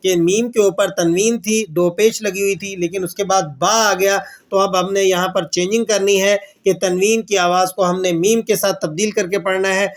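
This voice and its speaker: High-voiced man teaching Quran recitation. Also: steady tone. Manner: asks questions and answers them himself; slow drawn-out recitation of verses. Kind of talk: tajweed lesson with recited examples.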